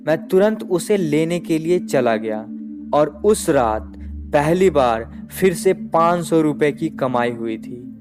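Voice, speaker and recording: A man narrating a first-person horror story in slow, measured storytelling. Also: fairly high pitch. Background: background music.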